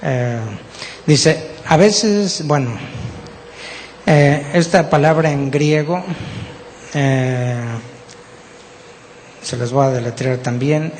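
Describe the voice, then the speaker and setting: Slow-speaking Mexican man preaching in a hall. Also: mid-range voice, a little mellow, slight background noise. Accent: Mexican Spanish. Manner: teacherly, spells out words and checks in with the congregation. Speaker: pastor. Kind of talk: sermon. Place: church hall.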